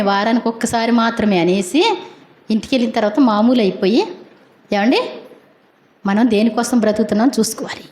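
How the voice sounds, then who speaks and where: A woman's voice: on the high side, darkish tone, reverberant. A woman preaching a sermon in a chatty, colloquial way, keeps asking her congregation questions.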